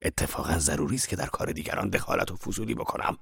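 A man voicing a fierce, quick-tempered old laborer who talks in a low, blunt growl. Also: lively intonation, creaky, a bit bright, husky, no room sound, clean studio sound, heavily acted. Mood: gruff.

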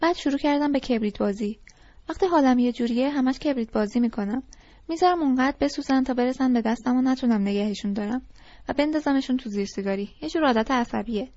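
A woman's voice: high-pitched, warm tone, dry recording. A woman reading a novel aloud in first person with a conversational storytelling manner. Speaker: audiobook reader. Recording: dull lo-fi recording.

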